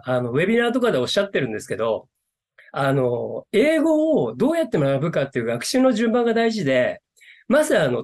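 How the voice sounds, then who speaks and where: A man who is a guest in the interview, talking earnestly and using many fillers. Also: fairly high pitch. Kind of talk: interview conversation.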